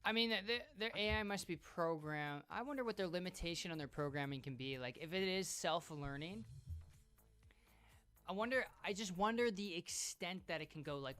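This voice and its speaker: Excitable, rambling woman streamer. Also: lowish voice. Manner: rambling, excitable, swears often. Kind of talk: live stream reaction commentary.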